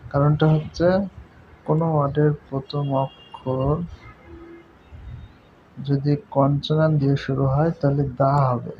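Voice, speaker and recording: A man explaining a grammar lesson patiently, repeating points and checking that listeners follow. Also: medium pitch. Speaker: teacher. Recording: dull lo-fi recording with faint noise.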